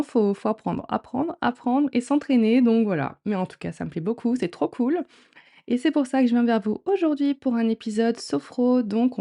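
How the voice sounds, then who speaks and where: A woman's voice: mid-range voice, warm tone. A woman hosting a podcast, explaining things in an informal, upbeat, chatty way. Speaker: podcast host, trainee sophrologist. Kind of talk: casual chat explaining a breathing exercise.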